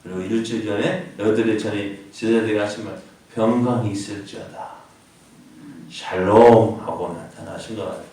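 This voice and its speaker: Low-voiced pastor preaching in an echoey hall. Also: male voice, fairly quick, hardly any pauses, darkish tone, recorded from a distance. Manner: asks the congregation questions and answers them. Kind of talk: sermon. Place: church sanctuary.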